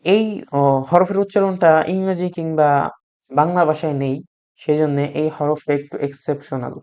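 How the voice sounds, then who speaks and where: A man teaching beginners to read Arabic letters, patient and repeating each sound slowly for learners to copy, with frequent hesitant fillers. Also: on the high side, fairly even intonation, a little mellow, clean tone. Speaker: Quran reading teacher.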